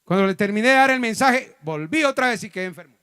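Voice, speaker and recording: A man with a Colombian accent, a pastor preaching a testimony, storytelling dramatically with sudden loud and soft turns. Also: high voice, lively intonation, quick pace, clear, resonant tone, dry recording, studio quality. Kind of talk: sermon testimony. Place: church hall.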